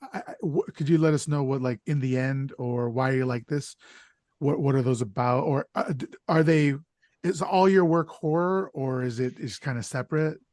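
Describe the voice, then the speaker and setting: Male host, mid pitch, dry close sound, rambling and restarting. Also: normal speed, a little mellow, dry recording. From Chicago, US. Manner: rambling, stumbles and restarts often. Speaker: podcast host. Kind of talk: casual podcast interview.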